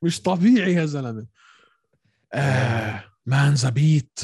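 A man's voice: medium pitch, lively intonation, unhurried, darkish tone, husky, dry recording, clean studio sound. A man with a Levantine Arabic accent hosting a casual sports debate, mixing English words into his Arabic. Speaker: podcast host reading viewer questions.

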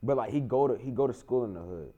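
A man's voice: medium pitch, lively intonation, phone-quality sound, a crowd in the background. A young man chatting casually with friends, full of slang and repeated "bro". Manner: fast slangy banter, lots of "bro". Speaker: group member. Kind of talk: casual chat.

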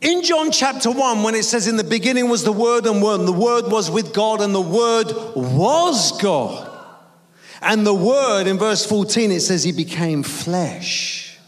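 A man's voice: high-pitched, expressive, unhurried, in a large hall. A man from London, raised speaking Greek, preaching an emphatic sermon with jokes and call-and-response. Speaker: evangelist preacher. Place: church hall.

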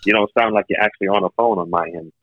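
A man calling in by phone as a podcast guest, giving blunt, candid feedback in casual chat, his voice thin with no bass. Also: rapid-fire, dry recording, faint music behind. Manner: blunt, candid critique, loose with swearing. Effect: thin phone line with no bass. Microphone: phone speakerphone. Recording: dull, thin phone-call audio.

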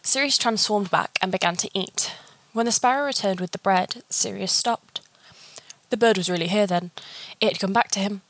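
A woman reading a fan fiction story aloud, steady and even. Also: mid-range voice, normal speed.

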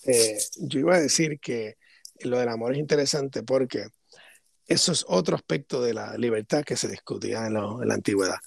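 A man's voice: mid-range voice, fairly quick, creaky, husky, no echo. A man co-hosting a podcast, reasoning through ideas in long, reflective casual talk. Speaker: podcast co-host. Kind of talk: casual philosophical discussion.

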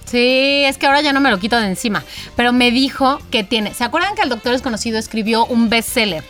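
A woman hosting a podcast, chatting in a lively, teasing way. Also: fairly high pitch, fast, soft background music. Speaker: podcast host. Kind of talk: casual podcast chat.

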